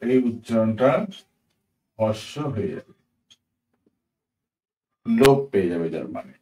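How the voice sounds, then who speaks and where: A man teaching English pronunciation in a patient spoken lesson. He spells out example words slowly letter by letter and often checks in with his listeners. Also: lowish voice, mellow, slight background noise. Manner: patient, addresses viewers as friends, asks "ঠিক আছে?", corrects himself with "sorry". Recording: echoey room, voice a bit far from the mic.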